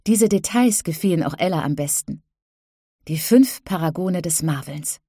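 A woman reading a children's story aloud as narrator in an even storytelling manner. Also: lowish voice, normal speed, husky, dry recording, clean studio sound. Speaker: audiobook narrator. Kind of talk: scripted narration.

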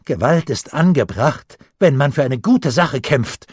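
A defiant, zealous teenage boy, as a male reader puts him on, his voice pushed higher and shaking with fervor. Husky and close, with a dry sound. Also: animated, a little slow, dry recording. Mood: fervent. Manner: agitated, fervent, trembling.

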